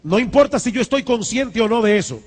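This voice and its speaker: A male pastor delivers a sermon with a high, bright voice, repeating his points for emphasis and pressing them home with rising fervor. His words ring out with a long reverb from the church hall around him. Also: expressive, fairly quick, slightly rough. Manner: emphatic preaching with repeated lines and rising exhortations.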